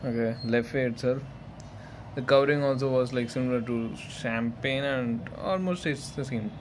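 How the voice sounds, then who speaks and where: A man giving a casual, unscripted review in a hesitant, halting way into a handheld phone indoors. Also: mid-range voice. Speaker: amateur beer reviewer. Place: small room, indoors. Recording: clearly noisy handheld phone recording.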